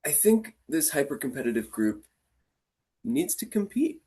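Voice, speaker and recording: Husky-voiced man telling lively stories. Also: fairly high pitch, measured pace. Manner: animated, acts out the kids' voices. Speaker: martial arts instructor. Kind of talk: casual storytelling conversation.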